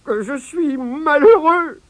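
A man's voice: high voice, big pitch swings, unhurried, slightly rough, dry recording, voice pushed up, exaggerated voice. Man putting on a storybook peasant husband, raised voice, plaintive, exclaiming, cautious. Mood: wailing. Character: poor peasant husband, cautious, easily upset.

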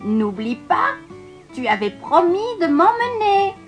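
A woman doing a raspy, coaxing frog. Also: very high-pitched, big pitch swings, slow, soft background music, voice pushed up, exaggerated voice. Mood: insistent. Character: raspy pleading female frog, insistent about a promise.

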